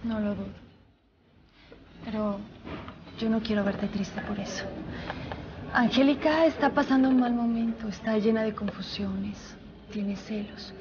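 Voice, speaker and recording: A young woman playing a gentle, earnest mother in love in a soap opera, with a sincere, tender way of talking. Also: fairly high pitch, measured pace, pauses often, highs cut off, noisy background, lightly acted. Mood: tender, reassuring. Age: young adult.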